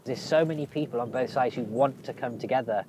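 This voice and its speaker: A man's voice: medium pitch, brisk, background noise. Thoughtful male documentary interviewer. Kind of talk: conversational interview.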